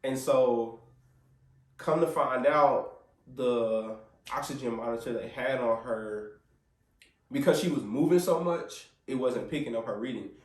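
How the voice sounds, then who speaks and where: A man's mid-range, slightly mellow voice carries an earnest, emotional account of his baby's birth. He repeats what he and the nurses said and prays aloud. The mic sits at a distance, giving a roomy sound.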